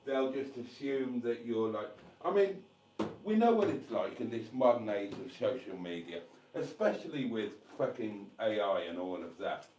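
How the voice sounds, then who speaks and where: A man's voice: on the low side, animated, normal speed, a little mellow, slight background noise. A man in his fifties hosting a live stream, chatting casually and reading comments in a blunt, candid, sweary way with rambling asides. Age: 50s. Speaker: livestream host.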